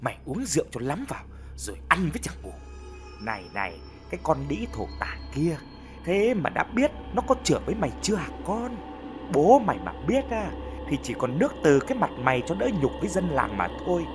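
A man voicing a sharp-tongued older village mother who berates her son in a shrill, rapid voice, in an audio story. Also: very animated, music in the background, natural voice. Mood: scolding.

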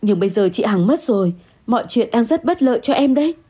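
A woman voicing a protective young man who soothes and urges in an even tone. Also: a little high, quick pace, slightly rough.

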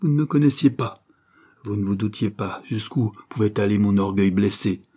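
A man reading aloud voices a cynical, vengeful banker villain with a raspy voice, scornful and threatening. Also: on the low side, lively intonation, normal speed, dark tone. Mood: furious.

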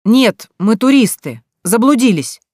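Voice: mid-range voice, brisk, a little mellow, dry recording, natural voice. A reader voices an irritable young man leading a lost group through fog. He speaks in short, curt bursts and snaps at the others. The sound is dry and close. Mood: shouting. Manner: curt, snapping.

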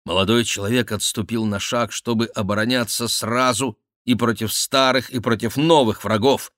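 A man narrating an adventure novel as an audiobook, steady and measured. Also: medium pitch, no echo, clean studio sound.

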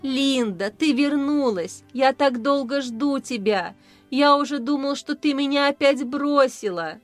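A man's voice: very high-pitched, a little slow, no echo, faint music behind, voice pushed up. A woman reading aloud, voicing a frail, lonely old count who eagerly greets a returning loved one. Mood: plaintive. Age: older. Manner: plaintive, eager.

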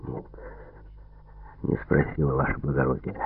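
A man voicing a beaten, shackled prisoner, hoarse and wheezing, on a tinny radio recording. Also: mid-range voice, expressive, measured pace, voice pushed up, full character voice. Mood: cowed.

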